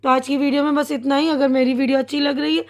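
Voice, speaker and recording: High-voiced woman teaching a reading lesson. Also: level tone. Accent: Indian Urdu. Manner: patient, slow and clear, with frequent "theek hai na" check-ins. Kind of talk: online reading lesson for young children.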